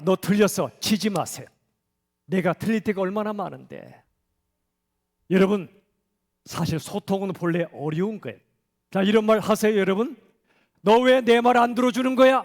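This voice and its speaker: A man's voice: high voice, a little mellow. A middle-aged man preaching a sermon as a pastor, talking conversationally and asking the congregation questions. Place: church sanctuary. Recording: church hall reverb.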